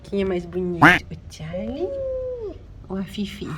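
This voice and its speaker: A woman talking to cats outdoors in cooing, high-pitched baby talk full of diminutives. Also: measured pace, very noisy. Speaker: vlogger with her cat.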